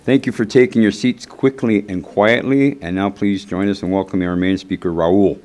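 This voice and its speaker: A man with a low voice chairs a group meeting. He reads the announcements in a steady, practiced way, then breaks into offhand, casual asides. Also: normal speed, background noise.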